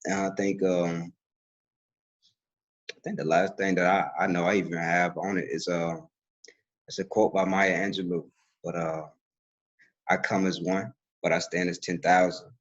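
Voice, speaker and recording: Podcast host, male, husky, reflective and easygoing, dull recording. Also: low-pitched, flat delivery, moderate pace, pauses often. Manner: reflective, loose and conversational, many fillers. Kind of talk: casual conversation.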